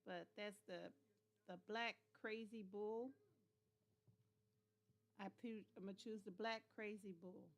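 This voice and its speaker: A woman's voice: mid-range voice, steady tone, slow pace, pauses often. A tired woman hosting a casual livestream, chatting with viewers in a rambling, yawning way and talking to her dog. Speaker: livestream host.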